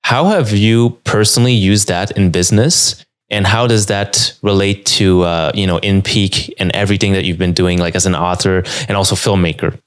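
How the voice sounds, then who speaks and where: A man's voice: low voice, moderate pace, few pauses, clean tone. A man in his thirties hosting a podcast, chatting casually and asking questions. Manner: casual, relaxed, with fillers like "like". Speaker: podcast host. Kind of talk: conversational interview.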